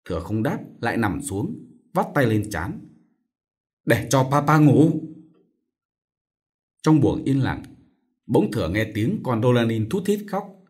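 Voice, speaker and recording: A man narrating a novel in an expressive, dramatic storytelling manner. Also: medium pitch, unhurried, pauses often. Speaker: audiobook narrator.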